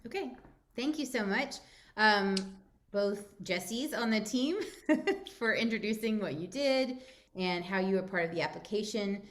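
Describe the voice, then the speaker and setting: A woman giving an informal software demo as the lead presenter, with a hesitant, slightly nervous delivery. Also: mid-range voice, a little slow. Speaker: project presenter.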